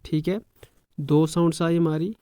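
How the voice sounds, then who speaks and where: A man's voice: fairly high pitch, steady tone, normal speed, mellow, smooth, no room sound, clean studio sound. A male school teacher explaining a lesson, sounding out letters one by one and often checking in with "thik hai". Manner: repeats phrases, frequent "thik hai" check-ins.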